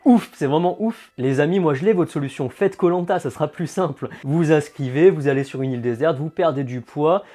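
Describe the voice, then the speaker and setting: Talking straight to camera, this male fitness and nutrition coach delivers a laid-back explainer vlog full of energetic, sarcastic remarks. His pitch sits fairly high, and he moves quickly with few pauses.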